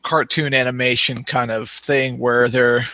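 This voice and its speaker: A man co-hosting a casual podcast, speaking in a halting way with many restarts. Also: medium pitch, flat delivery, sharp tone, no echo, rough recording. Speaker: podcast co-host.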